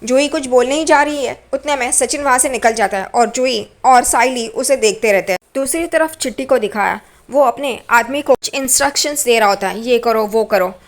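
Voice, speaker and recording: A woman's voice: sits high, fairly quick, hardly any pauses. A woman narrating an episode recap of a TV serial in a plain, running retelling.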